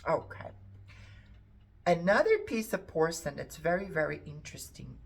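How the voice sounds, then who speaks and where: A woman's voice: low-pitched, sing-song, normal speed, gravelly. A middle-aged woman chatting to camera about an antiques haul, repeating words for emphasis. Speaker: antiques reseller showing a haul. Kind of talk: casual chat to camera.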